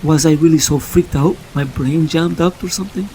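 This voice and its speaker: A man's voice: fairly high pitch, steady tone, brisk, mellow, slight background noise, natural voice. A man voicing a guilt-ridden young superhero who sounds panicky and blames himself. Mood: guilty. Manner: panicky, self-blaming. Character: young adult male superhero, anxious and guilty.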